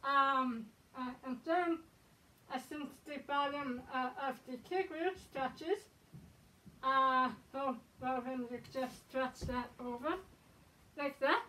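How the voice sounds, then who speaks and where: Speaking through a balaclava, this fursuiter shows how she suits up, talking in a casual, hesitant way full of ums and uhs. Her voice is high-pitched, bright and forceful, and her pace is slow. She's recorded from a distance, with slight background noise.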